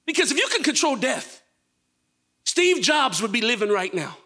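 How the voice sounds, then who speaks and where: A young male preacher delivers a sermon in a church with a very high, bright voice. He swings between quiet storytelling and shouted, fervent preaching. He keeps calling out to the congregation for a response. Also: very animated, normal speed.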